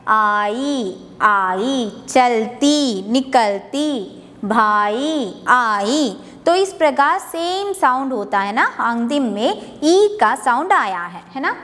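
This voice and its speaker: A woman's voice: sits high, in a large hall. A woman teacher explaining a poem to young students, patient, asking questions and answering them herself, mixing in English words. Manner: mixes English words into Hindi. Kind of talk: classroom lesson explaining a poem.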